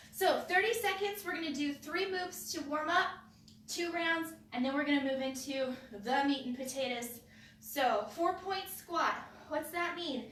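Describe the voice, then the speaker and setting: Upbeat woman coaching a live workout: bright, sniffly, picked up from across an echoey room. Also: high-pitched, recorded from a distance, slight background noise. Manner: upbeat, cueing moves and counting reps. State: sniffly, runny nose. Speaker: fitness instructor. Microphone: camera mic from a distance. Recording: echoey room, voice away from the mic.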